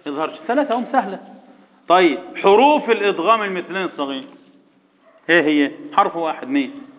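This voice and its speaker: A man with an Egyptian accent teaching Quran recitation rules to a class, firing quick repeated questions at students and chanting verses slowly. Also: high-pitched, expressive. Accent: Egyptian Arabic. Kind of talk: classroom tajweed lesson. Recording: echoey hall, dull lo-fi sound.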